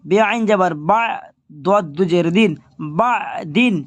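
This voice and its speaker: A man with a fairly high voice teaches Quran reading, patiently sounding out letter by letter before joining the syllables. The recording is dry and close. His delivery is steady and instructive. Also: no echo. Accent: Bangladeshi Bengali. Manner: patient, spells syllables slowly then blends them. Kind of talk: spelling-out recitation lesson.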